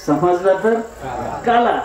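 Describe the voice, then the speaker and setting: A man's voice: high voice, expressive, takes it slowly, crowd noise. A man preaching a devotional kirtan sermon, posing rhetorical questions and answering them himself with wordplay. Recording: echoey hall, mic at a distance, music behind.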